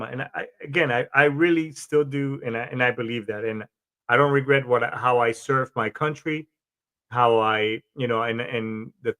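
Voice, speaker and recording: A man's voice: mid-range voice, pushed and bright. A man from Colombia, a Marine veteran, hosting a podcast in a rambling, casual monologue with frequent restarts and swearing.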